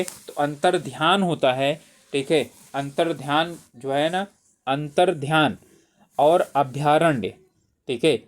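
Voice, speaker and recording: A man teaching spelling for an exam, patiently repeating each word and checking in with his listeners. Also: on the high side. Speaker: Hindi exam tutor. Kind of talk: explaining exam spelling questions.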